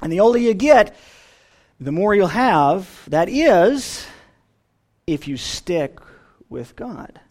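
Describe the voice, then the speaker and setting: This preacher's sermon is animated and expressive, and the pitch swings widely across each thought. The speaker sits at a middle pitch and often lets sentence endings drop to a soft, quiet finish. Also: slow pace, long pauses. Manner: expressive, trailing off softly at phrase ends.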